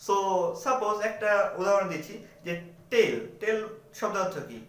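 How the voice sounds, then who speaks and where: A high-pitched man lectures step by step, posing questions to himself and answering them. His voice sits some way off the mic and rings around a roomy, echoey space. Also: normal speed, fairly bright tone. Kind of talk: explanatory lecture. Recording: echoey room, mic at a distance.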